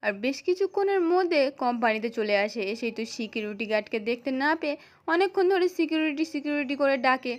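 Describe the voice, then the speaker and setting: Female narrator, high voice, scripted serial recap, reads all the lines herself. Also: animated, brisk. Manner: reads all dialogue aloud in her own voice. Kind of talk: scripted story retelling.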